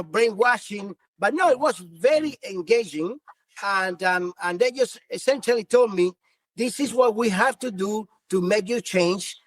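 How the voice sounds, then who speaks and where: High-voiced man with a Cuban Spanish accent. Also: fairly bright tone, no room sound. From Cuba. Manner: earnest, halting with many restarts. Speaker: physician guest. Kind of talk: podcast interview.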